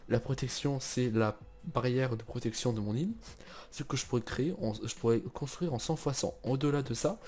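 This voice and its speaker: A young man hosting a casual game server tutorial, chatty and relaxed, with many fillers and restarts. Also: mid-range voice. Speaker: tutorial host.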